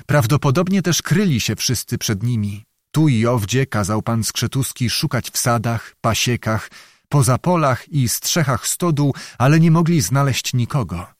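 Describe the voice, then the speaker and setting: A man narrating a historical novel as an audiobook, in a measured, dramatic storytelling manner. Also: mid-range voice, darkish tone, no echo, studio quality.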